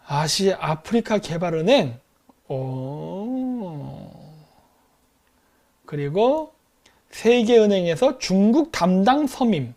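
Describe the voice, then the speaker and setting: Male commentator, high-pitched, animated casual talk on politics. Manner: animated, acts out countries as quarrelling people.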